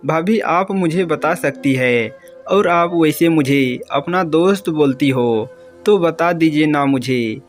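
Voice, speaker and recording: A humble young house servant, as a male narrator plays him, talks politely and with concern. His voice sits a little high, and he speaks at a slow, careful pace. Faint music sits underneath.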